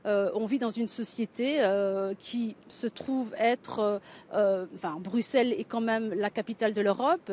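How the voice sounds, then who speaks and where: A woman's voice: on the high side, darkish tone, a little hiss or hum. A middle-aged Belgian woman, a writer and local candidate, answering interview questions thoughtfully with many hesitations and restarts.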